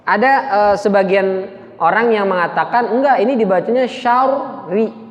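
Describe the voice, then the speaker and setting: A man teaching Quran recitation to a mosque congregation, explaining slowly and demonstrating the sounds himself. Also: sits high. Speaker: preacher. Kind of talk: tajwid lesson to a mosque congregation. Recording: dull sound with long hall reverb.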